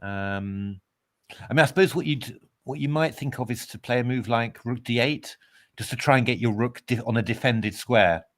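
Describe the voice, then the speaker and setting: A man's voice: mid-range voice, moderate pace. A man commentating live on a chess game in a casual way, hesitating with lots of fillers and restarts.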